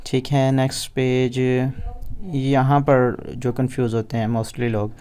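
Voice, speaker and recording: Smooth-voiced man teaching Quran letters. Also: mid-range voice, level tone, a little mellow. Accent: Pakistani Urdu. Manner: explains in Urdu with English words, then slowly drawls each letter aloud. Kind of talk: step-by-step recitation lesson.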